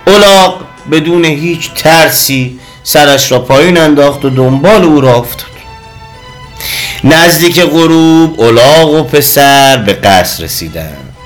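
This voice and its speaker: Male storyteller; expressive, rising and falling delivery, faint music bed. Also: on the high side. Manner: lively, expressive reading. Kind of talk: storybook narration. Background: soft music.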